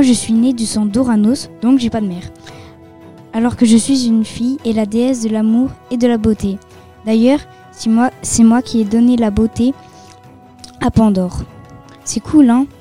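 A woman's voice: on the high side, steady tone, normal speed, mellow, faint music behind, natural voice. A woman voicing a vain, chatty goddess of love who jokes and gossips. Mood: playful. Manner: casual, joking, gossipy. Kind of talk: reciting a mythology monologue.

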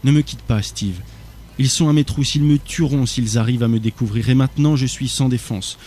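A man's voice: medium pitch, fairly quick, dark tone, close to an everyday voice. A man voicing a terrified wounded young man who has been clawed and blinded, pleading frantically. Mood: panicked pleading.

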